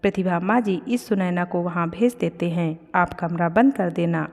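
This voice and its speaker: Brief: a woman doing a sly scheming young woman in a storybook, lowish voice, reverb. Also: moderate pace, vocal fry. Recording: long reverb.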